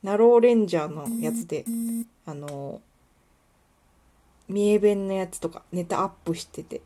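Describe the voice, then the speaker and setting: A woman's voice: medium pitch, animated, a little slow, dark tone. A young woman from Kuwana with a light Kuwana dialect, chatting casually and rambling with many fillers on her solo talk show. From Kuwana, Mie, Japan. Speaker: podcast host.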